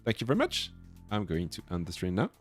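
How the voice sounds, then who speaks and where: A man from France with a French accent chats casually as a livestream host, sometimes halting as he searches for words. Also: deep voice, huge pitch swings, faint music behind.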